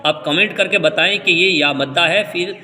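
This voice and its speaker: A man from India teaching Quran reading, spelling out letters slowly and then explaining the rules quickly. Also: a little high, bright, forceful tone, big-room sound. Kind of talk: step-by-step recitation lesson.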